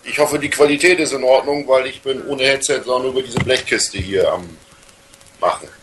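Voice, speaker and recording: A man's voice: medium pitch, fairly quick, noisy background. A man calling in live to a radio show over a computer with no headset, chatting casually and joking, often trailing off with fillers. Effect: voice coming in over a call through a computer without headset. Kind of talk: casual chat.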